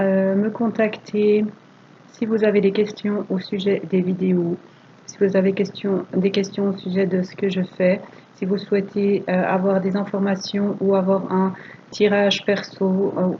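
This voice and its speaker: Woman, card-reading host; slow, flat delivery full of hesitations, slightly muffled lo-fi recording. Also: mid-range voice, a little hiss or hum. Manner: hesitant, frequent "euh" fillers; asks the cards aloud, gentle and patient. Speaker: tarot and oracle card reader. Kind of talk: monthly card reading for viewers.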